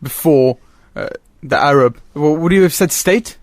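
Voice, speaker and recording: Measured man hosting a radio show. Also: a little high, no room sound, clean studio sound. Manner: measured, recapping interviewer. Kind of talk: radio discussion.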